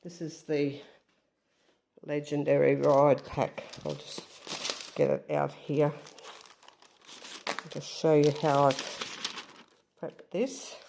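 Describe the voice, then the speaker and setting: A woman's voice: low voice, little pitch movement, slow pace, gravelly, long pauses, darkish tone, slight background noise. A woman with a stuffed-up, nasal voice, chatting casually as she shows her craft work, with frequent ums. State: stuffed-up nose. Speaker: craft vlogger. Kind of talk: casual show-and-tell.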